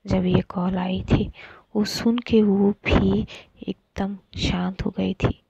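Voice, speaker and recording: A woman tells a romance story in a soft, half-whispered voice that is breathy and mellow, stumbling into restarts now and then. The recording is dull and muffled, and dry with no room sound. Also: mid-range voice, little pitch movement, slow pace, no echo.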